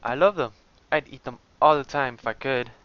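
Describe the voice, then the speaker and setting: A man's voice: medium pitch, moderate pace, clear, resonant tone, dry recording, close to an everyday voice. A man voicing a cheerful young woman with a sweet tooth, reading game dialogue aloud in a raised, eager voice. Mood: bubbly. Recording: slightly muffled lo-fi sound.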